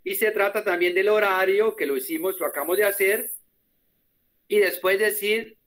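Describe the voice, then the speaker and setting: Guy with a highish voice teaching german on a video call, patient, says words slow for you to copy. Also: a bit bright. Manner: explains patiently and repeats words slowly for practice. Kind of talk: online group lesson.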